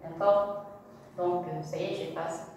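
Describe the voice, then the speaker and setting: A woman's voice: fairly low pitch, fairly even intonation, a little slow, a little mellow, slight background noise. A woman teaching a maths class at a board, explaining step by step, repeating key words and checking often that students follow. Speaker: math teacher. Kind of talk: classroom lesson at a whiteboard. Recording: echoey room, voice from far off.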